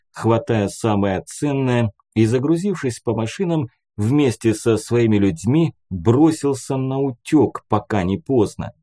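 A man reading an audiobook with steady, even scripted narration. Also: lowish voice.

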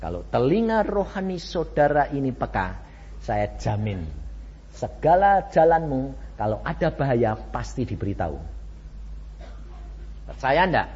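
A man preaching a sermon with a Javanese accent, emphatic, swinging from hushed asides to shouted exclamations. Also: mid-range voice, sing-song, unhurried, long pauses. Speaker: pastor. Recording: dull lo-fi with faint background noise.

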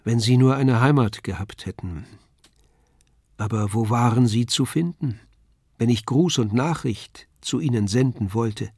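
A man reading a literary novella aloud in a calm, measured and expressive way. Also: medium pitch, breathy edge, no echo, studio quality. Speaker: audiobook reader.

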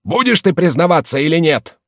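A man's voice: on the low side, expressive, a little fast, husky, no echo, studio quality. A man reading an audiobook and voicing a male fellow servant who is anxious and bullying, in a harsh, urgent, demanding way. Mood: angry.

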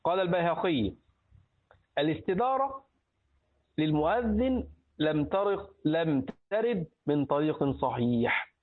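Here a middle-aged man with an Egyptian accent, acting as a sheikh, delivers a casual religious lesson on hadith and jurisprudence, quizzing listeners and repeating words aloud. His fairly high voice is animated and moves at normal speed, captured in tinny, phone-like sound.

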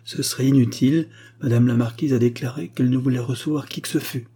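A man's voice: mid-range voice, steady tone, quick pace, warm tone, breathy edge. A man voicing a curt male doorkeeper in an audiobook reading, firm and dismissive.

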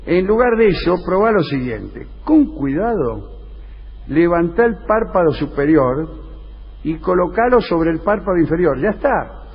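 His voice is high, very animated and a little slow, with a breathy edge. He's an Argentine radio comedy host with a Rioplatense accent, improvising dialogue around absurd stories told mock-seriously, and the recording is dull and noisy.

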